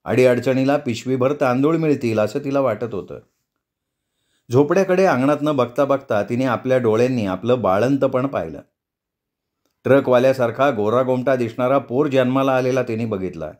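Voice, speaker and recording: A man narrating a novel as an audiobook, in a measured, expressive reading. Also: mid-range voice. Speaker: storyteller.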